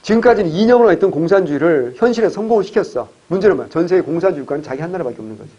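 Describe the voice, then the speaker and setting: A man teaching a history class for exam students, joking and firing quick questions at the class. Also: a little high, animated, warm tone, husky, dull audio. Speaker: civil service exam history lecturer. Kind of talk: classroom lecture.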